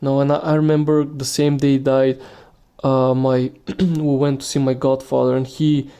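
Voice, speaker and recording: Mellow-voiced man rambling on a podcast. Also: mid-range voice, little pitch movement, moderate pace, smooth. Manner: rambling, full of restarts and fillers. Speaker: podcast host. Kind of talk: casual solo podcast monologue.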